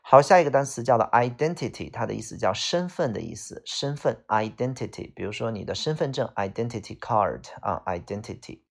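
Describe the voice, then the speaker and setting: A man's voice: mid-range voice, expressive, fairly quick, vocal fry, hardly any pauses. A man teaching English vocabulary, explaining each word casually with fillers and heavy speech. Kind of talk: vocabulary lesson.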